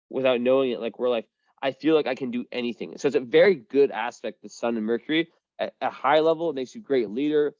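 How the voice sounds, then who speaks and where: A young man gives a casual one-on-one astrology chart reading, rambling with lots of fillers, restarts and the odd swear. His medium-pitched voice is a little mellow, on a dry, lo-fi recording.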